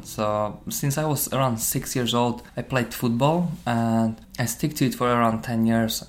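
A man from Slovakia recounts his path into fitness in English, his second language. He speaks at an ordinary mid pitch. His phrasing is non-native and thoughtful, full of fillers. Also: slight background noise. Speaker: personal trainer. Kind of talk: interview storytelling.

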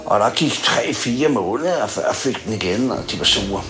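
Chatty man spinning a rough anecdote. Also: mid-range voice, expressive, fairly bright tone, soft background music. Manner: rambling, chatty, with crude slang. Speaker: storyteller. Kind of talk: casual anecdote.

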